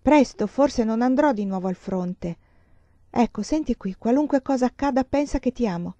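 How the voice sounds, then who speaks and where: A woman's voice: on the high side, lively intonation, moderate pace, mellow, dry recording, lightly acted. A woman reader voicing a heartbroken, jilted young woman who speaks in a pleading, broken voice. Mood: wistful. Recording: slightly dull lo-fi recording.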